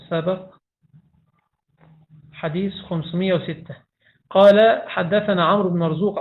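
A man reading hadith texts aloud, reciting chains of narrators quickly with small slips and restarts. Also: high voice, gravelly. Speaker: hadith reader. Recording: tinny phone-like sound.

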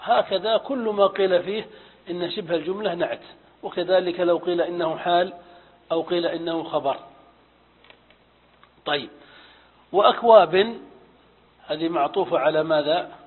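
A man's voice: high voice, normal speed, pauses often. A man teaching Arabic grammar in a methodical lecture, asking and answering his own questions and repeating key terms. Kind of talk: classroom lecture on morphology and syntax. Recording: phone-like audio with long hall reverb.

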